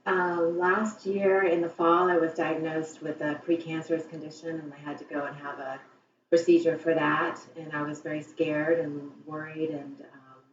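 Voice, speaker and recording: A low-pitched woman answers candidly, reflecting as she goes. Her voice has been re-recorded off a television speaker, so it sounds faraway and echoey. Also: little pitch movement, moderate pace, a little hiss or hum. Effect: re-recorded through a TV speaker. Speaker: interviewee. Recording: echoey, dull, distant TV re-recording.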